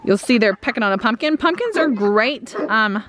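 A woman's voice: fairly high pitch, expressive, moderate pace, background noise. A woman in her thirties giving a casual farm tour, explaining things with lots of "um"s while holding the camera at arm's length outdoors. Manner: chatty, explanatory, many "um"s. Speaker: homesteader vlogger. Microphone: camera held at arm's length.

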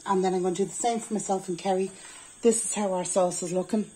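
Irish woman in her forties, homely cook-along vlogger, mellow voice, faint kitchen noise, camera on the counter. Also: medium pitch, steady tone, quick pace, rough recording. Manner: chatty, homely, explains as she goes. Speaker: home cooking vlogger. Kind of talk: casual cook-along talk. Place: home kitchen. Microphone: camera on the worktop.

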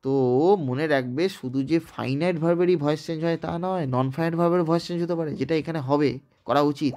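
A man's voice: on the high side, quick pace, a little mellow. A man from West Bengal with a Bengali accent, teaching an English grammar lesson step by step and often checking that his students have understood. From West Bengal, India. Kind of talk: recorded online grammar lesson.

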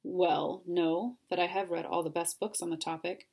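A woman reading aloud, voicing a polite, timid male monster with a low, breathy voice. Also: fairly even intonation, moderate pace, darkish tone.

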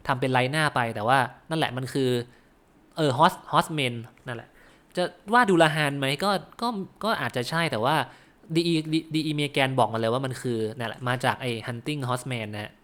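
A man's voice: medium pitch, normal speed, a bit bright. A Thai man hosting a gaming channel, chatting casually about game concept art, often correcting himself and laughing at his own guesses.

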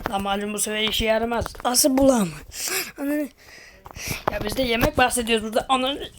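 A woman's voice: on the high side, fast, slight background noise. A Turkish woman doing an amateur comic cartoon dub, putting on slangy, exclamatory character voices.

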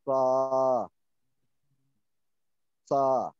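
A man in a lesson repeating letters slowly after his teacher. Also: mid-range voice, steady tone, a little mellow, smooth, no room sound. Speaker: student. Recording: dry, slightly dull call audio.

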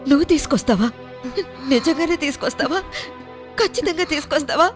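A woman's voice: high voice, a little fast, soft background music, close to an everyday voice. A woman playing a distraught pleading mother. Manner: anxious, pleading. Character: distraught mother of a missing daughter.

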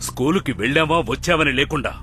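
A man's voice: a little high, fast talker, sharp tone, faint music behind. An actor playing a man who talks down to a mere PT master. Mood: scornful. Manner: sneering, dismissive.

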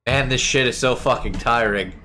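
A man voicing a foul-mouthed, violent young male killer from a horror game, brash and shouting. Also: medium pitch, moderate pace, lightly acted. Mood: angry. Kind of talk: reading game dialogue aloud on stream.

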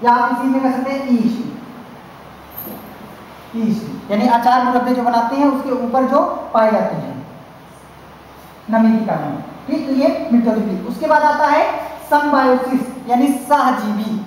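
A woman's voice: on the high side, a little slow, pauses often, a little mellow. North indian woman teaching science, lots of fillers, long reverb, faint hiss. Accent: Hindi-speaking North Indian. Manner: repetitive, filler-heavy explaining with frequent restarts. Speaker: college teacher. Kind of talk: classroom science lecture. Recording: very echoey hall, faint hiss.

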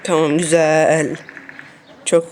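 A mid-pitched voice narrates a mobile shooter as it happens, talking straight to the viewers. Short phrases come again and again in a casual, running commentary. Faint noise and tapping clicks sit under the voice. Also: little pitch movement, slow pace. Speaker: mobile game streamer.

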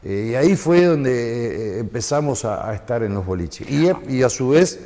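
This man, in his fifties, speaks Spanish with an Argentine accent at a medium pitch, his dark, expressive voice moving at a moderate pace and echoing as if in a big room. A former DJ, he reminisces in a conversational interview, rambling and dropping frequent fillers.

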